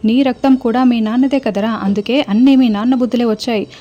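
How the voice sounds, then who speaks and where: A woman's voice: fairly high pitch, steady tone, fairly quick, highs cut off, natural voice. A woman voicing a furious middle-aged mother who hurls accusations and threats, in a retold TV serial. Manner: shouting accusations.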